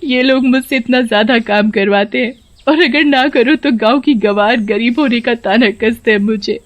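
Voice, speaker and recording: A woman's voice: high-pitched, normal speed, highs cut off, voice pushed up, lightly acted. Woman voicing a tearful mistreated young bride. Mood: weepy. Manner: pleading, weepy. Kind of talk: storybook voice acting.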